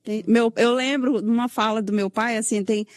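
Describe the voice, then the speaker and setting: A woman's voice: a little high, fairly even intonation, moderate pace, dry recording, studio quality. A woman from São Paulo with a Brazilian accent, telling her personal story in an interview and tagging sentences with "né?". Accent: Brazilian Portuguese, São Paulo. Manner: recounts with many "né?" tags and quoted dialogue. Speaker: guest sharing her testimony. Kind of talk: emotional personal testimony.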